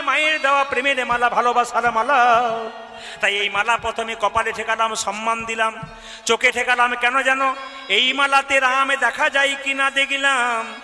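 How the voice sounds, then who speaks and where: A man's voice: very high-pitched, sharp tone, big-room sound. A man telling a devotional story as a kirtan singer, speaking straight to the women listening and acting out the figures' voices. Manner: addresses the women in the audience, asks them to answer aloud.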